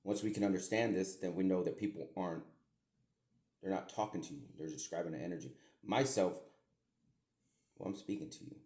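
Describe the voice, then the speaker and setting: A middle-aged podcast host who calls himself a medium leaves his daughter a rambling, repetitive spoken message with some mild swearing. His low, dark voice is brisk but broken by long pauses, and the room is echoey.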